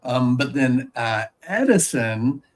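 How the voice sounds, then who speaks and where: A man's voice: mid-range voice, expressive, takes it slowly. Laid-back man explaining with fillers. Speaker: podcast co-host. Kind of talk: casual chat.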